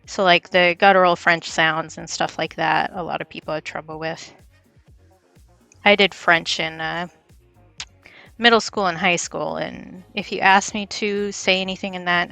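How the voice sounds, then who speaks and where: A woman's voice: fairly low pitch, gravelly, bright, forceful tone, dry recording. A young woman chatting casually on a livestream while she draws, rambling and stumbling over her words with self-deprecating asides. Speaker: streamer.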